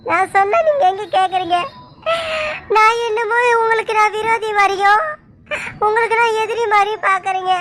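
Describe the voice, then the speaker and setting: A woman doing a hurt young village wife in a cartoon, pouring out long tearful complaints. Her voice is very high and piercingly bright. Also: fairly even intonation, normal speed, slight background noise. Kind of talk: cartoon voice acting.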